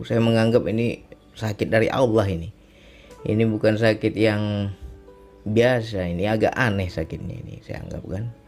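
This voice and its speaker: A married man giving a reflective religious testimony, speaking slowly and often repeating phrases and asking "right?" as he tells of his illness and recovery. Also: lowish voice, dark tone. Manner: reflective, repetitive, often ends with "ya kan". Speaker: speaker sharing a personal testimony.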